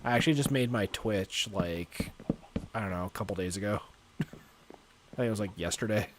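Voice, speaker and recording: A young North American man speaks at a normal pace over background noise while streaming a game and chatting casually. His voice is low and natural, with a chill voiceover quality. He rambles, says "like" a lot, and laughs easily and often in this relaxed livestream chat.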